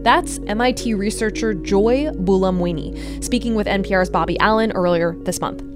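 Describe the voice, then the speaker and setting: An American woman hosts a science podcast as host and reporter, explaining things conversationally with emphatic phrasing. Her mid-range voice moves at a moderate pace over background music.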